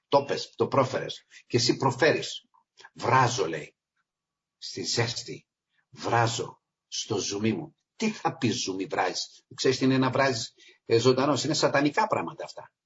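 A man gives an informal sermon, pressing his points with sudden loud emphasis before sinking into quiet, earnest asides. His voice sits at an ordinary middle pitch. The recording sounds dull and lo-fi. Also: animated, a little hiss or hum. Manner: emphatic, swings between loud stresses and low asides. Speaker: lay preacher.

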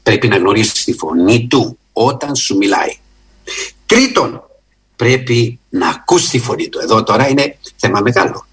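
A man preaching a sermon in an earnest, emphatic way, often rising in pitch and slowing for stress. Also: slightly rough. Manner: earnest, emphatic, with lively rises in pitch and slow stressed phrases.

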